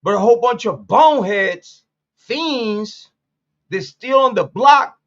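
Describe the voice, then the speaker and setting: On dull, lo-fi audio, a Puerto Rican commentary host in his late forties delivers a blunt, profane street monologue, repeating points for emphasis. His voice is high for a man, fairly bright and expressive, at a slow pace.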